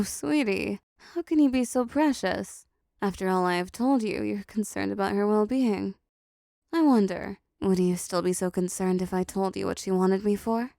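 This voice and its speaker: With a smug, teasing mood, a woman plays a seductive and possessive female demon who speaks slowly and closely to the listener in an intimate roleplay audio drama, controlling them and doling out condescending pet names. Her medium-pitched voice is dark and mellow with a creaky edge. The recording is dry, with clean studio sound.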